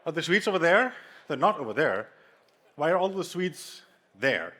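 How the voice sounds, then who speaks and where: His voice is a little high, bright and forceful, with a sing-song lilt at a moderate pace. He is an Icelandic man with an Icelandic accent, delivering a playful conference talk from the stage and bantering with a live audience.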